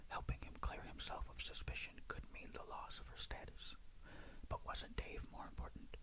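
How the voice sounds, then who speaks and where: A storyteller reading a ghost story in a breathy, hushed, suspenseful whisper, in ASMR style. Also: moderate pace.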